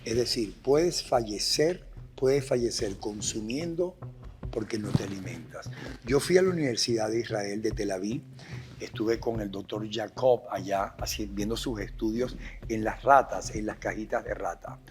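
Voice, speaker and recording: A man's voice: lowish voice, normal speed, a little hiss or hum. A man with a Venezuelan accent, a guest addiction expert speaking with passion and repeating phrases for emphasis. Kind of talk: emphatic testimony and explanation.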